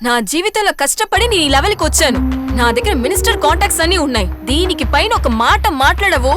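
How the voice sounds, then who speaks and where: A woman's voice: extremely high pitch, animated, fast. An actress playing a proud, ruthless woman who threatens and switches into English in a film drama. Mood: angry. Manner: haughty, threatening, mixes English in. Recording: film scene with music score.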